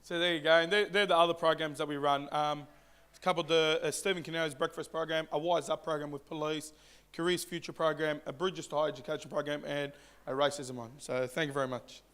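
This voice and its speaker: A man's voice: fairly high pitch, flat delivery, quick pace, a bit bright, clean tone. A man giving a casual conference presentation, sometimes repeating words as he talks through his slides. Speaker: presenter from a community sports club.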